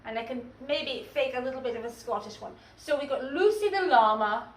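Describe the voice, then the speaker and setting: A woman's voice: high-pitched, expressive, a little fast, slight background noise. A woman co-hosting a children's music show, easygoing and joking as she sets up the songs. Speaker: musician and co-host. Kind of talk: casual chat on a kids' music show. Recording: roomy, distant mic, loud music.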